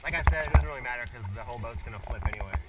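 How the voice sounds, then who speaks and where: Laid-back man talking amid loud river noise. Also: mid-range voice. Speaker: whitewater rafting guide. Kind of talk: casual instructions and chat with crew. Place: outdoors on a raft on a river. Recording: distant mic, loud rushing water noise.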